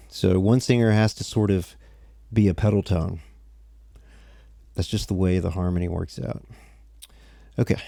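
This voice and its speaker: A man's voice: low-pitched, creaky, mellow, husky, no room sound, clean studio sound. A tired man teaching music theory on a casual livestream, rambling and breaking off mid-sentence as he chats with viewers. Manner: rambling, self-interrupting, chatty with viewers.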